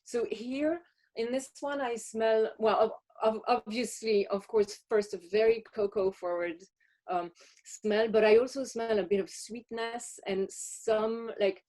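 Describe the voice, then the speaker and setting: A woman's voice: a little high, slow pace, dark tone. Woman doing a chocolate tasting, chatty, kinda rambly, lots of ums. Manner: chatty, hesitant with many fillers. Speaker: chocolate taster. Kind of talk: guided tasting walkthrough.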